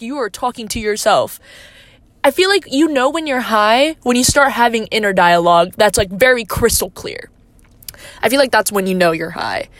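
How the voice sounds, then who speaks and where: A woman's voice: medium pitch, fairly bright tone, no room sound. A young woman hosting a casual solo podcast, rambling with lots of fillers and casual swearing, laid-back but getting indignant. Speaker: podcast host.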